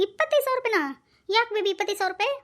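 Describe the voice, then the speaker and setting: A woman's voice: very high-pitched, rapid-fire. A woman voicing a meek, whining young husband in a Kannada cartoon, with a North Karnataka accent. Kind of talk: cartoon voice acting.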